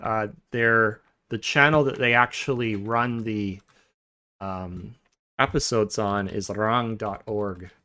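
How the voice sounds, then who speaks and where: A man hosting a podcast in a relaxed, casual chat, pausing often with filler sounds and restarting sentences. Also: fairly low pitch, clear, resonant tone. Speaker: podcast host.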